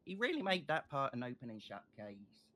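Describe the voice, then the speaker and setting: A man playing a state prosecutor in an online courtroom role-play, making a passionate, deliberate closing argument. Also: mid-range voice, huge pitch swings, pushed and bright. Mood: accusing, impassioned.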